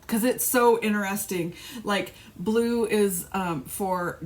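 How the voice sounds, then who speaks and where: Speaking slowly in a mid-range voice, a middle-aged flosstube vlogger rambles casually about cross-stitch. She restarts often and lets out little laughs.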